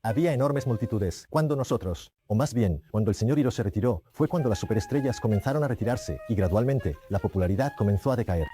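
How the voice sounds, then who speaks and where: A man in his fifties with a warm, mellow tone, telling stories in a relaxed way and pausing to correct himself. He is a show host who once played rugby, and soft music plays faintly behind him. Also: fairly low pitch. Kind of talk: reminiscing in casual conversation.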